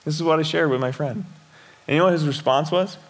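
A middle-aged male pastor delivers a sermon in a relaxed, conversational way. His voice sits slightly high, and he often repeats a word before going on. He keeps asking the listeners questions. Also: fast talker. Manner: conversational preaching with repeated words and rhetorical questions.

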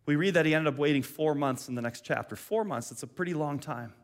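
A middle-aged man preaching to his congregation with a slightly high voice. He builds to fervent, urgent stretches and then settles into quiet, thoughtful passages. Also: fast talker. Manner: earnest, rises to fervent emphasis then drops to soft reflective tones. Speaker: pastor. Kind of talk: sermon.

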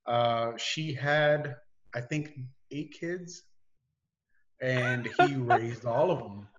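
A man being interviewed on a podcast, telling a family story in an easygoing, halting way. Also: mid-range voice, highs cut off, background noise. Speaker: podcast guest. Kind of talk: casual interview chat.

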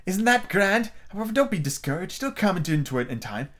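A man voicing an anxious, childlike old storybook queen, fussy and rambling in a high voice. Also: sing-song, quick pace, a bit bright. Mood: proudly confiding.

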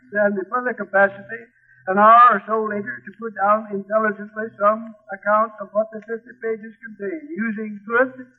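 A man giving a formal lecture speech in a measured, deliberate way, heard from an old radio broadcast recording. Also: sits high. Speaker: speaker addressing a radio audience. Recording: tinny, scratchy 1930s radio recording.

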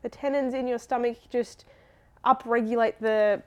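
A woman with an Australian accent co-hosting a podcast, chatting casually and telling stories in an animated, giggly way. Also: on the high side, normal speed, clear, resonant tone, muffled recording. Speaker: podcast co-host.

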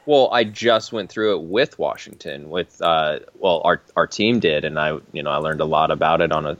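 A filmmaker in a casual podcast chat, explaining at length in an easygoing way with filler words. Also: male voice, very deep voice, normal speed, a bit bright, no room sound, muffled recording. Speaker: independent filmmaker.

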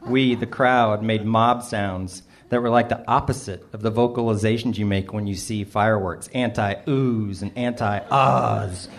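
A middle-aged man with a slightly low voice tells a funny story about himself. His delivery is dry and wry, and he mocks himself as he reads his own essay. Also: steady tone, unhurried, few pauses. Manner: dry, self-mocking delivery with small laughs. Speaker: narrator reading his personal essay. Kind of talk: first-person storytelling, wry and humorous.

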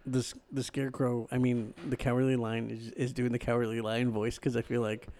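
A man's voice: mid-range voice, little pitch movement, a little fast, a little mellow. A man co-hosting a casual movie chat in a blunt, sweary, slangy way.

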